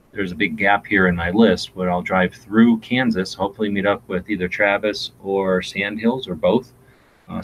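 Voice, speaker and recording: Rambling deep-voiced man. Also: a little hiss or hum, poor audio. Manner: rambling with many fillers and restarts. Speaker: gun channel host. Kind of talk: casual live-stream chat. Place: home in Arizona.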